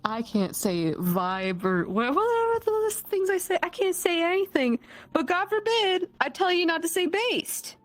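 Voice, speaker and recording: A woman's voice: very high voice, big pitch swings, measured pace. A woman bantering in character during a tabletop game, teasing, giggling and swearing freely.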